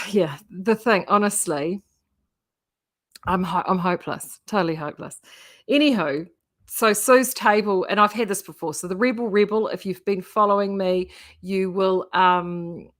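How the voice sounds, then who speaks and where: A woman's voice: mid-range voice, unhurried. A woman with a broad New Zealand accent chatting casually to viewers in a rambling, self-interrupting way as host of a craft vlog. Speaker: knitting vlogger and yarn shop host. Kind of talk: casual chat to live viewers.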